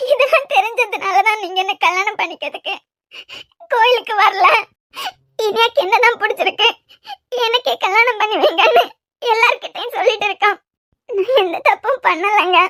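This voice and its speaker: A woman's voice: very high voice, pushed and bright, no echo, studio quality. A woman voicing a tearful young bride in a cartoon, pleading her innocence, with a Kanyakumari Tamil accent.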